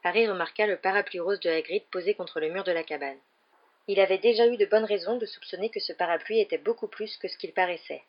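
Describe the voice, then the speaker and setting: A woman narrating a children's novel aloud in a steady, measured storytelling voice, with a dull lo-fi sound. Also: mid-range voice. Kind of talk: audiobook narration.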